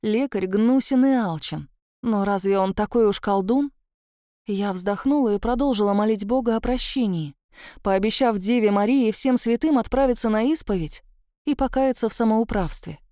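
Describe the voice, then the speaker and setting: A woman reading a first-person story aloud in an even, measured way. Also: fairly high pitch, no echo, clean studio sound. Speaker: audiobook narrator. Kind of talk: scripted narration.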